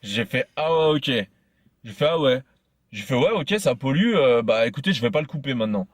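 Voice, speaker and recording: A man's voice: medium pitch, expressive, fairly quick, no room sound, clean studio sound. Stumbling man telling a story. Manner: stumbling, repeats himself often. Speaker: podcast host. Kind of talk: casual storytelling chat.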